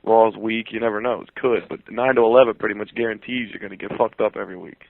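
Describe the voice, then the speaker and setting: A man's voice: lowish voice, steady tone, vocal fry. A man co-hosting a casual wrestling talk radio show, blunt and profane in his opinions. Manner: blunt, profane, fast-talking. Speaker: radio co-host. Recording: tinny phone-line sound.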